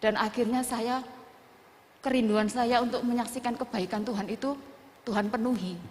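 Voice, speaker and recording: Preacher woman, middle-aged, higher voice, heartfelt testimony in a hall with long echo. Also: fairly even intonation, moderate pace, darkish tone. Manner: storytelling with Javanese words mixed in, emotional. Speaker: preacher at a women's church service. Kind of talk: sermon testimony. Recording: long reverb of a church hall.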